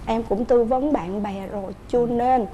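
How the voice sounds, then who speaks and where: A woman with a Southern Vietnamese accent speaks as a guest on a talk show, earnestly recounting a family story at length. Her voice is somewhat high and mellow. Faint background noise sits under her voice. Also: steady tone, moderate pace. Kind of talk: casual chat.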